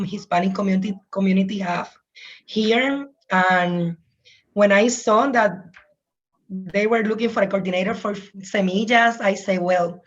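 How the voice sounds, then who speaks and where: A Puerto Rican woman, a native Spanish speaker with a Puerto Rican Spanish accent, introduces herself as a program coordinator on a video call. Her voice sits at a medium pitch, and she gropes for English words. The audio is dull.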